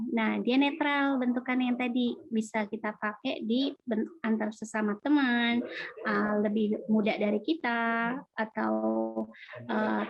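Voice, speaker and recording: A woman's voice: on the high side, vocal fry, lo-fi sound. A woman English teacher with an Indonesian accent, casually explaining grammar and answering student questions in an online class.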